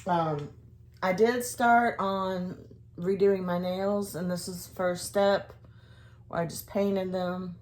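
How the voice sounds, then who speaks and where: A woman's voice: lowish voice, steady tone, slow pace. A woman chatting casually to camera as a vlogger, in a hesitant, rambling way that trails off.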